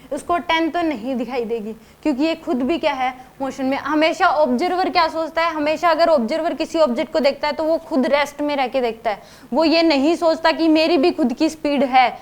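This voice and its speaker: High-voiced woman teaching physics. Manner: explains step by step, asking the class rhetorical questions. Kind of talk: classroom lecture at a board.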